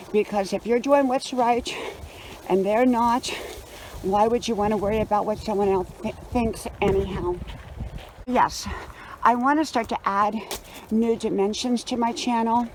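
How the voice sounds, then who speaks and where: A woman in her sixties vlogging casually while out on a run, chatty and reflective, offering gentle homespun advice outdoors. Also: medium pitch, a little hiss or hum, poor audio. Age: 60s. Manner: chatty, reflective, talking while running at an easy pace. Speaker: vlogger with a wisdom channel. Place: outdoors on a trail and roadside.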